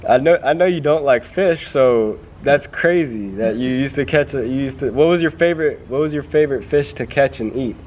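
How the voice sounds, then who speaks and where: Young American male interviewer, informal and conversational, medium pitch, slight ambient noise. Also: normal speed, hardly any pauses, darkish tone. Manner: informal, slangy. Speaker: grandson interviewing his grandfather. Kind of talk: casual chat.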